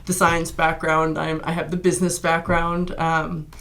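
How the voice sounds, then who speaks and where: A woman's voice: deep voice, flat delivery, a little slow, fairly bright tone. A woman in her thirties, born in Hungary, telling stories in a chatty, upbeat way as an interview guest. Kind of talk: casual interview talk.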